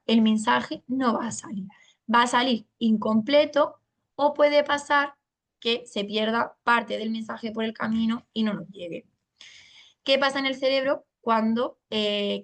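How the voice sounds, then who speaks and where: A woman's voice: a little high, creaky. A woman with a Spain Spanish accent, a speech therapist explaining to parents in a colloquial, patient way. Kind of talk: family training talk.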